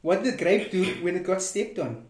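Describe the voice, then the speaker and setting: A man's voice: sits high, expressive, a little fast, a little mellow, a little hiss or hum. A young man telling dad jokes in a casual face-off, giving setups and punchlines, recorded outdoors from a camera a little way off. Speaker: dad joke contestant. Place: outdoors on a couch by a brick house wall. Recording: echoey sound.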